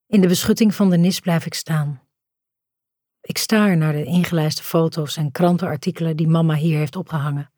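A woman narrates an audiobook in the first person, slow and measured with a hushed tone. Her voice sits somewhat low, and the recording is close and dry with no room echo. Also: steady tone.

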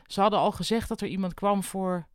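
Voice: mid-range voice, steady tone, a little fast, clean tone, no echo, studio quality, voice pushed up, lightly acted. A reader voicing a skinny, awkward man in his early thirties who speaks hesitantly in a storybook reading.

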